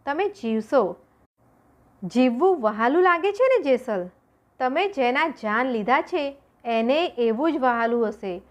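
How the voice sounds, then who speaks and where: A woman voicing a calm, devout woman who firmly reassures a frightened man during a storm at sea. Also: high-pitched, a little slow. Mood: reassuring. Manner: calm, firm.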